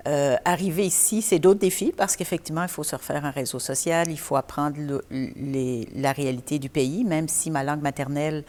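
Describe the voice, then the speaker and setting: A woman in her fifties from Belgium, a guest in a theatre lobby interview, talking haltingly with many fillers and restarts. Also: low voice, darkish tone. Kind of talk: casual interview.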